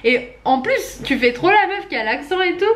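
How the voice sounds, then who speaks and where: A woman's voice: high voice, animated, moderate pace, fairly bright tone. A young adult woman, a student vlogger, chatting casually at home, hesitant and full of fillers. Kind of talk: casual chat to camera.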